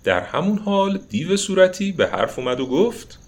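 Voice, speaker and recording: A man's voice: high-pitched, big pitch swings. A man narrating a children's story expressively, with asides to the listeners.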